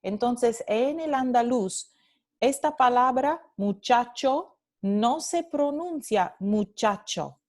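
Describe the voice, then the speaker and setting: A high-pitched, slightly mellow female voice belongs to a Spanish language instructor teaching phonetics in a recorded lecture. She explains slowly in a mix of Spanish and English, repeating example words to model their sound.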